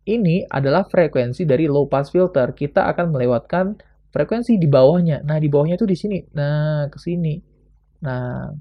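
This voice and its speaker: Gravelly young man explaining casually. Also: on the high side, dull audio. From Indonesia. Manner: casual, thinks aloud with frequent fillers. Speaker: student presenter.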